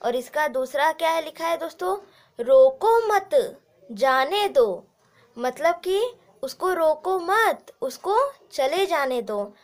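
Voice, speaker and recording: High-voiced Indian woman teaching grammar. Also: lively intonation, a little slow. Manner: repetitive, addresses viewers as friends. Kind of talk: explanatory lesson.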